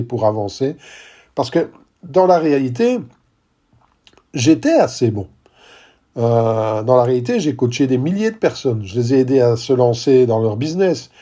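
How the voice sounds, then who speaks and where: A middle-aged male business coach, not a native English speaker, delivers a podcast monologue in a husky, dark, medium-pitched voice. He's emphatic, repeats key phrases, and checks in with listeners by asking "d'accord?".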